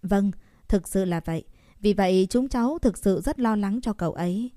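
A woman voicing a composed young woman who asks questions gently. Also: medium pitch, moderate pace, no echo, clean studio sound, natural voice. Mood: calm polite. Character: calm, polite young woman.

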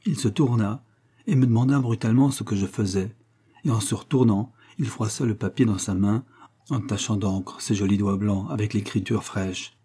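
A man reading a classic story aloud as audiobook narration, in a steady storytelling manner. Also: fairly low pitch, moderate pace, husky. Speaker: audiobook reader.

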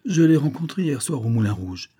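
A man narrating a classic novel aloud, shifting his pitch and loudness to voice each character. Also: animated, a little fast, breathy edge. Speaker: audiobook reader. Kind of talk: scripted narration with voiced dialogue.

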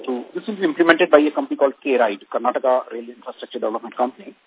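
A man with an Indian English accent, a company executive answering analysts on a conference call, speaking haltingly with many pauses. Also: medium pitch, breathy edge. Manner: halting, many fillers and restarts. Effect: conference call phone line. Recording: dry, tinny phone-line audio.

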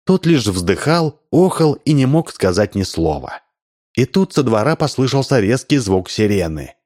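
A man reading a humorous story aloud as narrator, with lively, expressive delivery. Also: mid-range voice, moderate pace. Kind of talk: audiobook reading.

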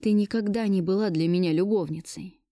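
A woman's voice: medium pitch, fairly quick, dark tone, no echo, clean studio sound, natural voice. Woman reading a domineering, possessive rich man. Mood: pleading. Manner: commanding, barking orders.

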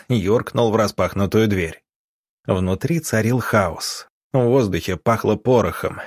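A man narrating an audiobook in a steady, measured, husky voice, recorded on a close studio mic. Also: lowish voice, dry recording.

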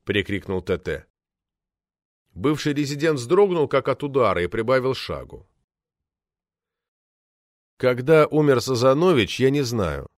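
Man reading an audiobook, mid-pitched, animated intonation, dry close sound. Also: unhurried, long pauses, no room sound. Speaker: audiobook reader. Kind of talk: scripted audiobook narration.

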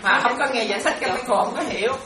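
A woman's voice: a little high, racing. A woman, a Buddhist nun, giving an informal, chatty dharma talk, laughing often and calling her listeners her children. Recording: roomy, from far off, crowd around.

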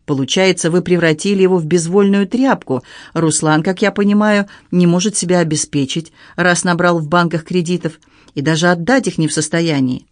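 A man's voice: high-pitched, fairly even intonation, brisk, dry recording, clean studio sound, lightly acted. A man voicing a hurt, indignant young stepdaughter who speaks reproachfully.

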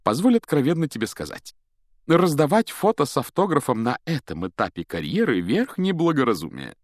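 A man's voice: mid-range voice, big pitch swings, a little fast, no room sound, studio quality, pitched above the performer's own voice, natural voice. A man voicing a vain, pompous wizard teacher who talks in a grand, sing-song way, in an audiobook. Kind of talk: audiobook character voice.

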